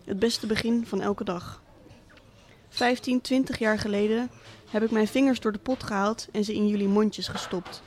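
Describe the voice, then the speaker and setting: A woman reading a literary monologue as a cynical, wealthy absent father, speaking in a dry, deliberate, sardonic way. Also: mid-range voice, steady tone, a little mellow, slight background noise, close to an everyday voice. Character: cynical rich middle-aged father, absent tycoon.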